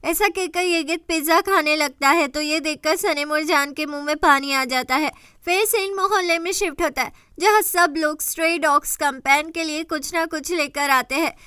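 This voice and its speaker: A woman narrating an episode recap in a steady storytelling manner, moving from scene to scene. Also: high-pitched, moderate pace, hardly any pauses, no echo, studio quality.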